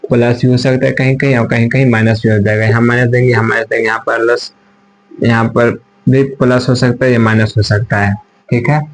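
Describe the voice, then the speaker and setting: A man's voice: medium pitch, flat delivery, a little fast, poor audio. A man teaching a math class at a whiteboard, repeating his points and asking and answering his own questions, sometimes turning away from the camera.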